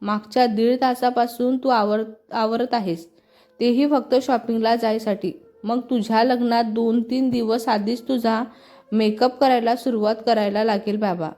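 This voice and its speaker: A woman voicing an exasperated younger sister who questions and scolds her slow-moving sibling, in a read-aloud storybook. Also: a little high, fairly even intonation, mellow, natural voice.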